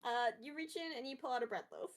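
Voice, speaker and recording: A woman's voice: fairly high pitch, lively intonation, fast. A woman narrating as game master in a tabletop game, with plain, matter-of-fact narration.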